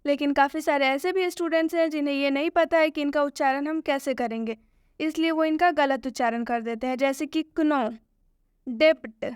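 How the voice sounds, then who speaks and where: High-voiced woman introducing a lesson. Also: no echo, clean studio sound. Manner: asks the viewer rhetorical questions. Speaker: English teacher introducing the lesson. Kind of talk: scripted video introduction.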